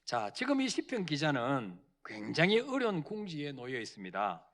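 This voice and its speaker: Male pastor, sermon delivery, high and animated, call-and-response. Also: normal speed. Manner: preaching with call-and-response, dramatic quoted voices. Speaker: senior pastor. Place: church sanctuary.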